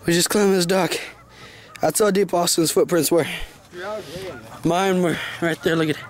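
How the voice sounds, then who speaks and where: A man's voice: high-pitched, fairly even intonation, normal speed, poor audio. A young man chatting crudely and jokingly while hiking outdoors by a lake, filmed on a handheld camera, a bit out of breath. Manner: crude, joking, swears a lot. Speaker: vlogger. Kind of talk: casual chat while hiking. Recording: outdoor camera audio with noise.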